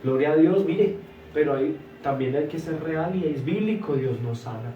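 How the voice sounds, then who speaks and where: Man preaching a sermon, fairly high voice, echoey church hall, distant from the mic. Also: lively intonation, highs cut off, slight background noise. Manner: emphatic, swings between loud exclamations and soft asides; stretches words slowly for emphasis. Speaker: pastor.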